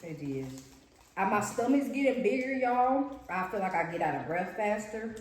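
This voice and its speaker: A young pregnant woman, a vlog co-host, eats at an indoor restaurant table while chatting casually with viewers she often calls y'all. Her mid-range voice is very animated and a little mellow, at a moderate pace, in a very echoey room with faint noise.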